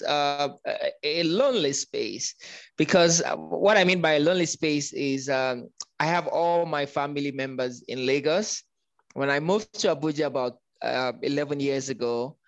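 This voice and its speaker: A man's voice: on the high side, dry recording, rough recording. A man from Nigeria, a guest in a conversational interview, talking with many ums and restarts.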